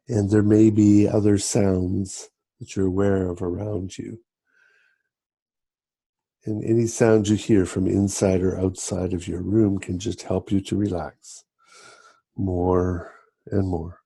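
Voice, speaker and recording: Soft, slow, low-voiced man guiding hypnosis. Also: gravelly, husky, no echo. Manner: slow, gentle, hypnotic pauses and repetition. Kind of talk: guided hypnosis relaxation, soft soothing delivery.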